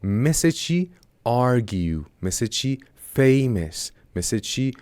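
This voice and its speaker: A Persian-speaking man teaching an online English lesson, explaining answers step by step and slowing down to pronounce English examples. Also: mid-range voice, sing-song, darkish tone, smooth, no echo.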